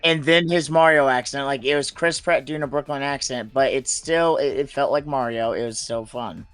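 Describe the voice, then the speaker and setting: A man co-hosting a podcast in casual chat, speaking haltingly with restarts and laughs. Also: medium pitch, a bit bright, smooth, no room sound. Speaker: podcast co-host.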